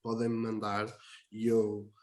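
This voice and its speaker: A man hosting an online talk session on a video call, friendly and relaxed. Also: lowish voice, slow. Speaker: host.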